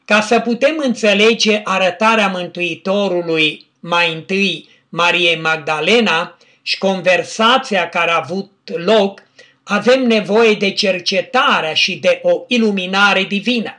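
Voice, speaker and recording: A man preaching, reading scripture aloud and citing chapter and verse in a measured teaching manner. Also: high-pitched, sharp tone.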